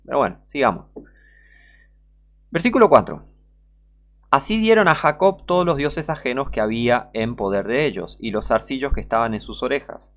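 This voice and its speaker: A man's voice: medium pitch, expressive, moderate pace, long pauses, fairly bright tone. A man with a Rioplatense Spanish accent who preaches an online sermon, emphatic and scolding, repeating his points and reading scripture aloud.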